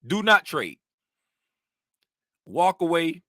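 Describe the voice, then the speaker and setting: Trading host, male, rowdy ranter, bright high voice. Dry, close sound. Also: slow pace, no room sound. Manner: animated, rowdy, ranting. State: worked up and sweating. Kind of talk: casual rant to viewers.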